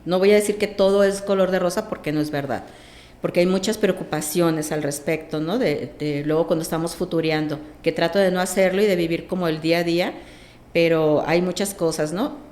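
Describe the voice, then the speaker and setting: A woman, a podcast guest telling a personal story with lively acted-out dialogue. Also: fairly low pitch, brisk, echoey room. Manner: animated, acts out quoted dialogue.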